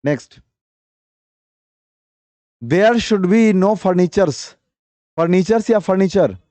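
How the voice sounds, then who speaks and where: Man, high voice, mellow tone, dry close sound, quizzing teacher. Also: lively intonation, no room sound. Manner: coaxing, quizzing students with repeated questions; reads English sentences slowly, then explains briskly. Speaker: English teacher. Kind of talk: classroom grammar lesson.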